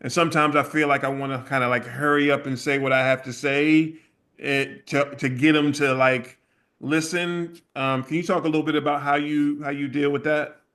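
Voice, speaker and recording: A man asks for advice on a team call. He speaks in a flat, even tone and stops and starts as he searches for his words. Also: a little high. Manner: hesitant, halting. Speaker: agent asking a question. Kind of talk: question on a video call.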